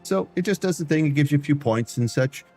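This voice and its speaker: A man's voice: fairly high pitch, lively intonation, quick pace, darkish tone, soft background music. A man streaming live, chatting loosely through gameplay and often stumbling over and repeating his words.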